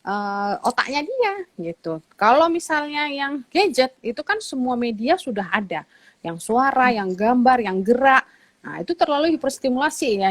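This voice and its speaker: A woman doctor, a guest on an online talk show, explaining patiently in a conversational way with frequent fillers. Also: a little high.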